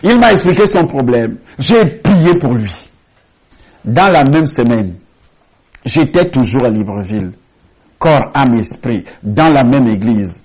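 A man's voice: medium pitch, lively intonation, measured pace, darkish tone, husky, rough recording. A man preaching a sermon as pastor, telling a testimony in an emphatic storytelling manner and repeating key phrases for weight. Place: large rented church hall.

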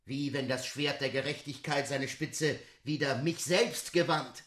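A man voicing a proud, soldierly male count with a husky voice, speaking in a measured, courtly and emphatic way. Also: medium pitch, a bit bright, no room sound, studio quality, pitched above the performer's own voice. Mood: earnest.

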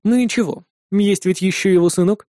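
A man reading a first-person fantasy audiobook in a calm, measured way. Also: sits high, no room sound, clean studio sound. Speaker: audiobook narrator.

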